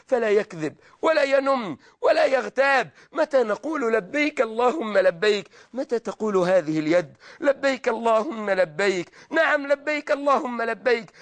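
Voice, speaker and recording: A man preaching a sermon with impassioned, repeated rhetorical questions and drawn-out invocations. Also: very high-pitched, a bit bright.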